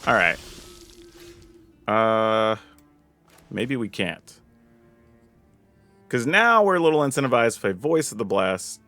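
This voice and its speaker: With a voice on the low side, a Southern U.S. man provides relaxed commentary on the card game he's playing. He thinks out loud and gets fired up over the big moves.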